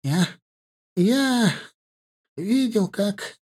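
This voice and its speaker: Male narrator doing a scared, stammering old shepherd, pitched up in an audiobook. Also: lively intonation, a little mellow, breathy edge, full character voice. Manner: stammering, hurried.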